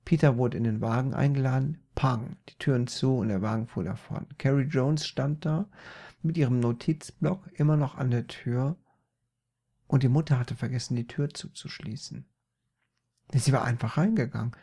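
A man narrating a comic story in a deadpan, unhurried way, often correcting himself mid-word. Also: mid-range voice, husky.

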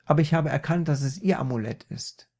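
A man's voice: fairly high pitch, brisk, a little mellow. Man playing a sly, smug female investigator. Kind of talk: comic storytelling.

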